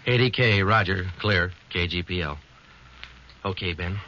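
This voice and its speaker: This low-pitched male actor voices a police sergeant who narrates a 1940s radio drama, staying calm and matter-of-fact. He speaks in an unhurried but flat, clipped way, and the dull old broadcast recording carries a little hiss or hum.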